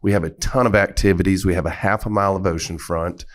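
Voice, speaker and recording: Low-voiced easygoing guest. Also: male voice, steady tone, fast. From Myrtle Beach, South Carolina. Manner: easygoing, affable, lists things with "you know". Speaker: guest, business owner. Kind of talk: casual interview chat.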